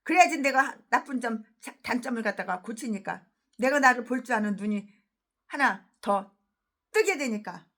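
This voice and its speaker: A woman pastor preaching an expository sermon in a blunt, colloquial way, jumping from loud emphatic outbursts to low asides. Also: expressive, normal speed. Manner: blunt and colloquial, laughs between points.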